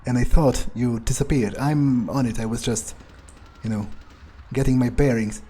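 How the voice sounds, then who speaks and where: Over a game he's playing in character, a man improvises commentary in a mellow, slightly rough mid-range voice at a moderate pace. He hesitates as he thinks aloud, repeats himself, and drops casual swears.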